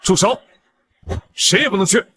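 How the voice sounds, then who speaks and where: A middle-aged man playing a stubborn, quick-tempered sect master and father who scolds his daughter. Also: sits high, bright, forceful tone, slightly rough, no room sound, exaggerated voice. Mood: angry denial. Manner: commanding, angry outbursts. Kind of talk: dubbed costume drama acting.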